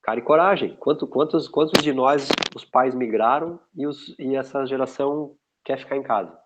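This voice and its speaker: Heavy background noise surrounds a mid-range male voice speaking at a moderate pace, on a muffled, lo-fi recording. The speaker, a logistics specialist from São Paulo, Brazil, with a São Paulo Portuguese accent, is a guest in a casual online interview and rambles, often starting his sentences again.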